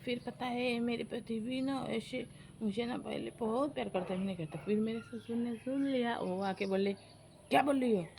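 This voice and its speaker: A woman in her forties chats straight to her viewers, telling a long family story. She is animated and slips into her relatives' voices when she quotes them. There is a faint hiss of noise behind her. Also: a little high, normal speed, gravelly.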